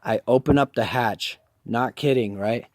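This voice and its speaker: A young man casually telling a rambling story, animated and full of "I'm like" and "right?". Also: medium pitch, measured pace, dry recording, studio quality. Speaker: vlogger.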